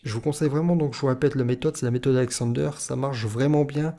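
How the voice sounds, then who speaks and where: A man's voice: mid-range voice, steady tone, fast, warm tone. A man from northern France with a northern French accent, giving rambling, hesitant self-help advice in a casual YouTube monologue. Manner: rambling, hesitant, many fillers and restarts.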